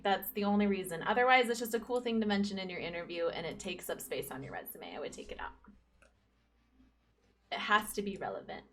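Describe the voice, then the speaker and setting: A young woman working in HR, co-hosting a casual livestream and giving frank hiring advice with easy laughter. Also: medium pitch. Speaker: HR recruiter co-host.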